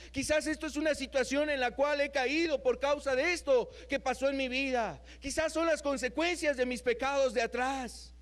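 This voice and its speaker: A male preacher with a high voice delivers an earnest Bible study sermon. He repeats phrases for weight and often sinks into a soft, low, subdued tone on key lines.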